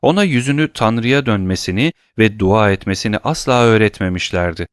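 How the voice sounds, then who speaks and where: A man reading an audiobook in a steady, even narration. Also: lowish voice, brisk, clear, resonant tone, dry recording, clean studio sound.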